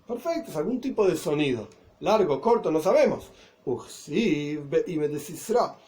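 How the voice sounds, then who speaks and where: A man's voice: fairly high pitch, darkish tone. A man teaching a Talmud lesson as a rabbi, reading Hebrew and Aramaic phrases and explaining each one in Spanish, with asides and self-corrections.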